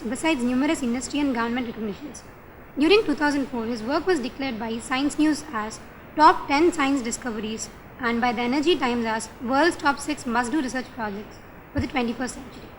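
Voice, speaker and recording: A woman's voice: high voice, slight background noise, rough recording. A woman with an Indian accent formally reads out a scripted introduction as an event presenter.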